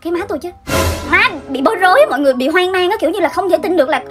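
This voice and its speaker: A young woman, telling a story to her viewers in a lively way and laughing often. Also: extremely high pitch, racing, soft background music. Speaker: vlogger.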